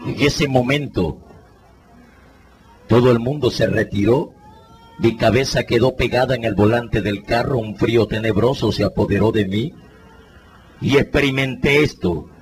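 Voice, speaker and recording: A man giving a dramatic spoken testimony as a preacher, telling it earnestly and rising into anguished pleading shouts. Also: medium pitch, a little hiss or hum.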